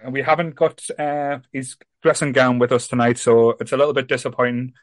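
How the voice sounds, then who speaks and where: A man's voice: medium pitch, flat delivery, fairly quick, dry recording. A man hosting a podcast in casual chat, rambling and self-deprecating. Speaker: podcast host.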